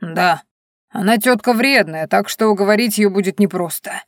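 A woman's voice: mid-range voice, normal speed, dry recording, natural voice. A stubborn, grumpy old forest spirit mumbles and lisps through his few teeth, as a woman puts him on for an audiobook. He is hard of hearing, contrary and sly. The voice is dry and close, with no room around it. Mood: cunning. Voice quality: mumbling, lisping old man's speech. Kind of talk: audiobook reading.

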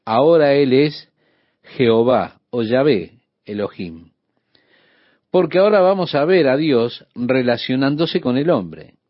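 A man's voice: medium pitch, unhurried, no echo. Man, radio bible teacher, addresses the listener, dry close sound, dull lo-fi recording. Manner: steady explanatory teaching.

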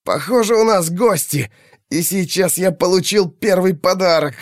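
A man's voice: high voice, moderate pace, pitched above the performer's own voice, lightly acted. A man voicing a bold mercenary captain who gives clipped, commanding orders, in an audiobook.

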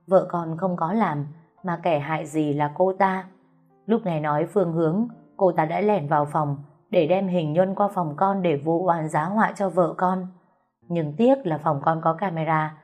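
A woman voicing a calm, measured young husband in an audio story. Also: fairly low pitch, soft background music, close to an everyday voice.

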